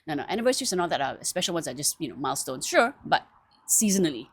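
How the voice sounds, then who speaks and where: Woman, low voice, dry close sound, chatty, laughs a lot. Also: quick pace, slightly rough, no echo. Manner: animated, chatty, laughing often, self-mocking. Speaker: vlogger. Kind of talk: casual chat to camera.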